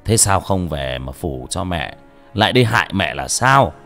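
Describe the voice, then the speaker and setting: A man's voice: sits low, very animated, a little slow, fairly bright tone, faint music behind, full character voice. A man playing a stern exorcist master. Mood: coaxing. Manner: stern, commanding. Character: stern male exorcist master, commanding, stubborn.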